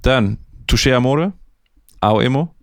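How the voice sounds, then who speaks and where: Gravelly laid-back man, dry sound. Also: medium pitch, expressive, unhurried, dry recording. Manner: laid-back, drawling, sprinkles English words. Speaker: podcast co-host. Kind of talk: casual chat.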